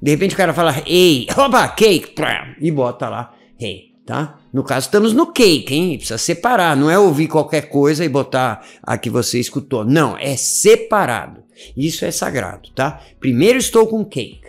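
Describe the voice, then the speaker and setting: A man teaching a casual video lesson, animated and repetitive, checking in often with his listeners. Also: on the high side, normal speed, gravelly, faint music behind. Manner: animated, repeats words, frequent "tá?" check-ins. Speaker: English teacher.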